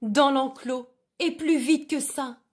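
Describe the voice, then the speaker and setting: A woman's voice: fairly high pitch, steady tone, slow, husky, voice pushed up. A woman voicing an eager, bossy young male sheepdog in a children's storybook reading. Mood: bossy shouting. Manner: barked orders, raised voice.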